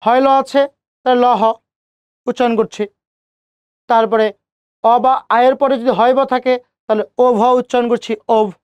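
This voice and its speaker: Guy teaching an online class, repeats stuff slow, asks then answers himself, dead dry mic. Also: very high voice, fairly even intonation, clear, resonant tone, dry recording, lo-fi sound. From Bangladesh. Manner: asks students rhetorical questions and answers them himself; repeats key points slowly. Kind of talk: online exam-prep lecture.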